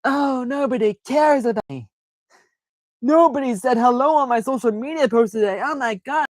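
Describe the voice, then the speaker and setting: A man's voice: extremely high pitch, moderate pace, dry recording, pitched above the performer's own voice. A man voicing a melodramatic, self-pitying drama queen who whines and wails theatrically. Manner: whiny, theatrical wailing.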